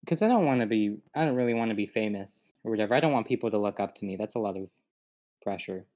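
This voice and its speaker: Fast and animated, a young man with a fairly low voice rambles through a casual chat. He keeps losing his thread and laughing at himself in a self-deprecating way, and the lo-fi recording sounds dull.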